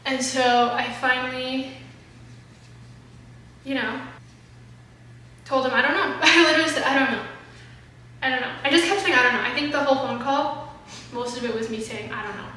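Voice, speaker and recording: A young woman with a high, sharp, bright voice talks openly through a long personal story, rambling and swearing as she goes. She is recorded in a very echoey room from some distance. A faint noise sits under her voice. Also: moderate pace, long pauses. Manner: candid, rambling, with frequent swearing and fillers. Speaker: vlogger. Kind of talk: confessional storytime monologue.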